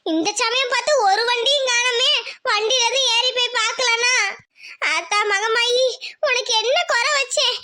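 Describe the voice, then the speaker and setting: A fretful village mother in a cartoon, voiced by a woman worries aloud and pleads in a very high voice. The tone is bright and thin, always anxious. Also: steady tone, moderate pace. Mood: lamenting. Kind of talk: Tamil village cartoon voice acting.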